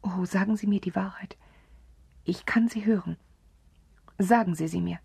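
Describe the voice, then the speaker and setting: A woman voicing an anxious, grieving young countess in whispered role-play, with a breathy, pleading whisper. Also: mid-range voice, normal speed, darkish tone, no echo.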